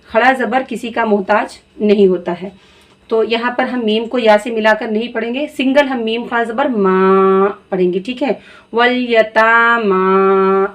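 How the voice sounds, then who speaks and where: A woman teaching Quran reading to other women, spelling out syllables slowly and checking in with "theek hai" as she goes. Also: a little high. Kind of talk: patient Quran reading lesson.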